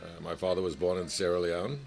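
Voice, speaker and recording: In a casual interview, a Nigerian man with a very deep, low voice reflects on his career as a chef. His delivery is measured, flat and a little mellow, with an occasional light laugh.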